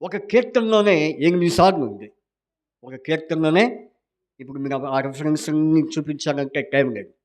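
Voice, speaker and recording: Pastor, male, higher-pitched; interactive sermon that quizzes and teases the congregation. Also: normal speed, darkish tone. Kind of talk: Sunday sermon with call-and-response. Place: church hall.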